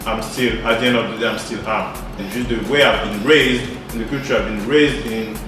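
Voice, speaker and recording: A man's voice: on the low side, fairly even intonation, a little fast, music in the background. A man in his twenties from Côte d'Ivoire, speaking in a thoughtful, hesitant way with many fillers in a casual chat. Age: 20s. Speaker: interviewee. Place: living room, indoors. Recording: very echoey room, mic set far off.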